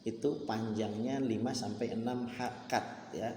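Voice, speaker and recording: A male teacher giving a religious lesson to children, explaining calmly and chanting verses slowly and loudly. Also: on the low side, slight background noise. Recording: echoey room with long reverb.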